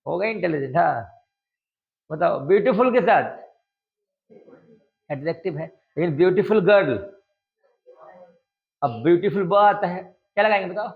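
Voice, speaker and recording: A man's voice: high voice, expressive, gravelly, narrow, tinny audio. A male English teacher, teaching a classroom grammar lesson and firing constant questions at his students. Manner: drawls out example sentences slowly.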